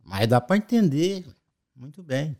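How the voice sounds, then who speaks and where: A man's voice: on the high side, big pitch swings, measured pace, warm tone. A man with a Brazilian accent, a father telling rambling travel anecdotes in casual family chat and chuckling as he goes. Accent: Brazilian Portuguese.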